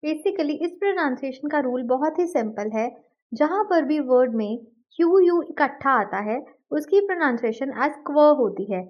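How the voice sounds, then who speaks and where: A woman teaching English pronunciation, speaking slowly and carefully and repeating each word twice. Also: sits high, animated. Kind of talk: scripted lesson narration. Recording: dull lo-fi recording.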